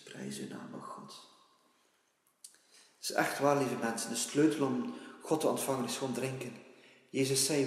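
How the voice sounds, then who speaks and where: A male preacher giving gentle, repetitive prophetic worship ministry in a coaxing way. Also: medium pitch. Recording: echoey hall with faint music.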